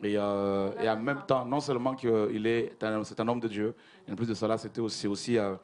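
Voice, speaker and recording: Brisk man hosting a church gathering. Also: fairly low pitch, steady tone, crowd noise. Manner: affirming interjections, quick explanations. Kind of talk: church testimony program.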